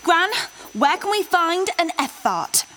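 Brief: woman as very high-voiced, playful kid hero for a children's audio adventure. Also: big pitch swings, slow, bright, forceful tone, a little hiss or hum, heavily acted. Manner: eager, jokey. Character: excitable, playful young hero who addresses the listeners. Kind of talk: kids' audio drama.

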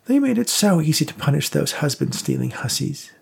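A man voicing a spiteful, murderous old woman with a shrill, scolding voice in an audiobook. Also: very animated, a little fast, vocal fry, husky, exaggerated voice. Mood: scornful.

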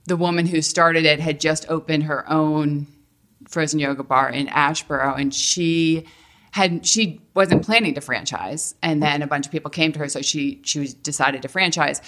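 A middle-aged woman who owns a franchise speaks casually as a guest on a podcast interview. Her voice is low and a bit bright, and she sounds hesitant, with many fillers and restarts.

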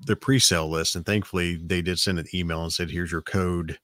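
Telling a long story in casual podcast chat, the middle-aged host speaks a little fast in a steady, very low, slightly raspy voice with a touch of brightness. He rambles, restarts sentences and repeats words, and the audio is dry and close with no room echo.

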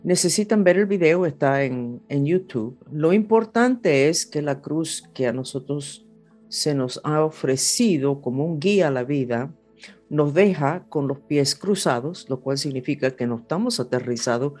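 This horoscope presenter's voice is low, expressive and somewhat dark, moving at a measured pace. Spanish isn't her first language, and she talks off the cuff about horoscopes and spirituality to listeners over music.

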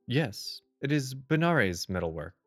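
An actor playing an earnest, gentlemanly Victorian doctor in a period mystery audio drama. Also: male voice, mid-range voice, big pitch swings, unhurried, no echo, clean studio sound, faint music behind. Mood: reassuring.

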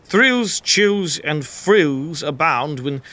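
A man playing an awkward, earnest gentleman guest in an audio comedy drama, polite, literal and halting. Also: fairly high pitch, expressive, exaggerated voice. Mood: eager, flustered.

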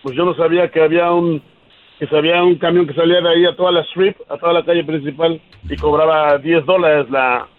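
Radio caller, high voice, fast and rambling, over a thin phone line. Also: male voice, steady tone, no echo. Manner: quick, rambling, restarts often. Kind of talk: phone-in storytelling.

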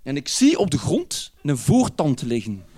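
A man with a Flemish accent, telling a personal anecdote in an animated way and chuckling often as he goes. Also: fairly high pitch, a little slow.

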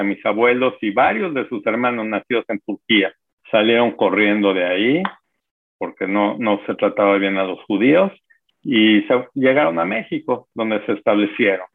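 A man in his sixties with a Mexican accent, a guest calmly telling his life story in an interview. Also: on the low side, gravelly. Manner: unhurried, reflective storytelling with pauses. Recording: phone-like narrow audio with music.

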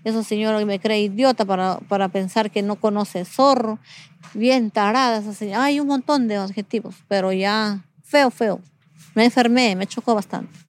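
A woman's voice: medium pitch, steady tone, normal speed. A middle-aged woman, speaking plainly and emotionally in a recorded interview. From Peru. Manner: plain-spoken, repetitive, emotional. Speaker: interviewee, mother. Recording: faint music bed.

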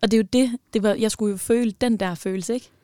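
A woman telling a personal story in casual podcast chat, animated and swinging between loud bursts and near-whispers. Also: a little high, no room sound, clean studio sound.

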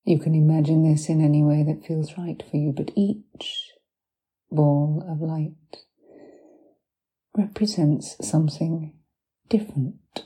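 Female hypnotherapist for guided relaxation: deeply mellow, soft and breathy, half-whispered, very unhurried and soothing. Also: steady tone, rough recording. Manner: soothing, deliberate, long pauses between short phrases.

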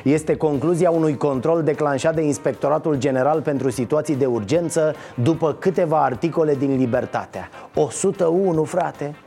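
A man's voice: on the high side, vocal fry, few pauses, dark tone, soft background music. A man hosting a satirical news show, delivering a mocking, sarcastic monologue.

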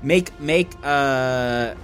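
A man's voice: mid-range voice, extremely slow, music in the background. A man running a tabletop game, narrating scenes descriptively and playfully to the players. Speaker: game master.

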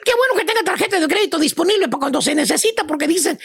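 Very high-pitched, creaky Mexican woman, mocking. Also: lively intonation, very fast. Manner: mocking, exclamatory. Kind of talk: animated comedic banter in street slang.

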